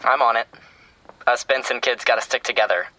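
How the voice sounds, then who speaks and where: An actor playing a sentimental, teasing young American younger brother in a naturalistic audio drama. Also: male voice, medium pitch, fairly even intonation, a little fast, sharp tone, poor audio. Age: young adult. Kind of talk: scripted audio drama, phone conversation.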